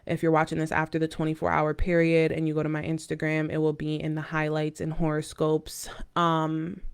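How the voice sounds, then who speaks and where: A smooth, clear-voiced woman, pitched a little low, reads horoscopes and tarot cards for her viewers. Her delivery is casual and mystical, halting now and then for informal, intuitive asides. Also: completely flat delivery.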